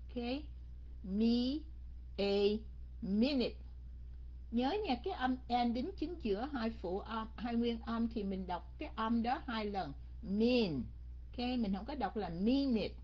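A woman teaching English pronunciation, drilling words slowly syllable by syllable. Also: on the high side. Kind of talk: pronunciation lesson. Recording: dull lo-fi recording.

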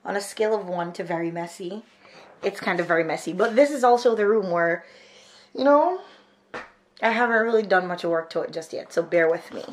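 A woman's voice: fairly low pitch, expressive, fairly quick, background noise. A woman in her twenties, from Jamaica, chatting casually while vlogging at home, rambling and thinking aloud with lots of fillers. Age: 20s. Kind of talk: casual daily vlog chat. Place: small home kitchen and spare room indoors.

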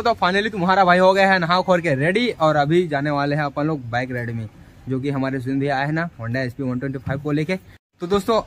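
A young man vlogging casually to his viewers, filming himself with a phone at arm's length outdoors in the countryside. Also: on the high side. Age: young adult. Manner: chatty, addresses viewers as friends and brothers. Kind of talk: casual vlog. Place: outdoors, rural fields and village lanes.

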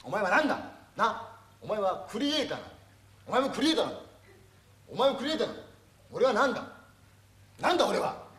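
An actor playing a gruff middle-aged TV production boss who berates his staff roughly and throws in insults all the time, in a stage comedy monologue. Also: high voice, very animated, fairly quick, pauses often, fairly bright tone. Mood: scolding. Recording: echoey stage recording from far off, noisy.

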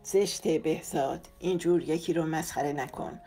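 A woman's voice: low voice, mellow, soft background music. Woman playing a composed, courteous man. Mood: calm. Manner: composed, polite. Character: dignified, courteous older brother, gentle.

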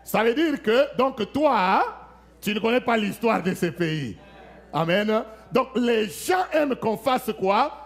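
A man preaches a church sermon in a notably high voice. He takes his time, and each phrase lands slowly and deliberately. He is emphatic and dramatic, asks the congregation questions, and changes his voice to act out the scriptures. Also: animated, vocal fry. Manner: emphatic preaching with rhetorical questions and frequent amens; dramatic, shifts voice to act out Bible scenes. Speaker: pastor. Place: church service.

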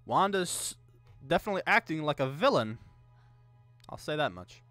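A man's voice: on the high side, very animated, normal speed, a bit bright, no room sound, soft background music. A young man giving casual, sweary reaction commentary, recorded close on a microphone in a small room. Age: young adult. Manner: informal, sweary. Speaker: reaction video host. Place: small indoor room at a desk. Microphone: close condenser mic with pop filter.

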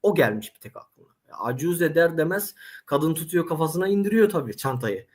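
Male Arabic teacher, animated storyteller, lively intonation, chatty interview guest. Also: a little high, a little fast. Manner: animated storyteller, addresses audience directly. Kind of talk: casual interview conversation.

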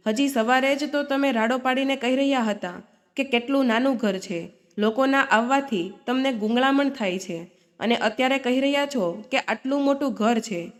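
A woman's voice: high voice, normal speed, lightly acted. A woman voicing a firm outspoken daughter. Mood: confronting. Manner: firm, scolding. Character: outspoken grown daughter defending her mother.

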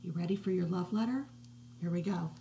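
Reading a picture book aloud from home, this middle-aged woman, a children's religious educator, keeps her voice slow and hushed, now and then sinking to a soft whisper. It's slightly low with a gravelly edge. The recording is rough, captured by a desk-distance webcam in her living room, with faint hiss.

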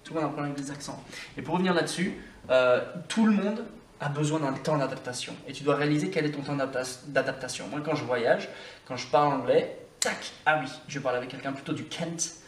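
A man's voice: medium pitch, fast talker. Chatty man teaching, roomy distant sound. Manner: addresses the viewer directly and informally. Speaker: English teacher. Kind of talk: casual video lesson.

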